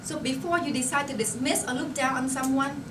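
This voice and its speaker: High-voiced woman giving a motivational speech. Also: fairly quick. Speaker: company employee addressing colleagues. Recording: roomy, noisy recording from far off.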